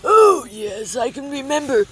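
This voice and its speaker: Woman doing a high, slow, kindly old man. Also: very animated, a bit bright, heavily acted, rough recording. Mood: kindly, earnest. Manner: halting, chuckling, earnest. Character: kind, short, wise old man, podcast guest.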